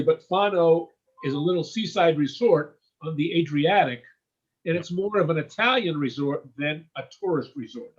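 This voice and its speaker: An American man rambles warmly in a casual interview, ending his sentences with "okay?" and "you know?". His pitch is fairly high and the audio sounds dull.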